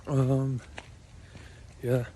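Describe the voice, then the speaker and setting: A man's voice: mid-range voice, completely flat delivery, very slow, warm tone, slight background noise. A young man with a Minnesotan accent, rambling and swearing casually as he vlogs from a cold park. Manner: rambling, swears a lot, filler-heavy, self-deprecating. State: tired. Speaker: vlogger.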